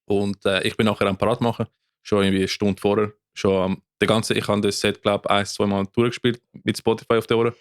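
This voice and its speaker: A man with a Swiss German accent chats casually on a podcast. He rambles through a story with plenty of fillers and restarts. His voice sits low, and the sound is close and dry, with no room. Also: flat delivery, fast, clear, resonant tone, no room sound. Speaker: podcast co-host and band guitarist.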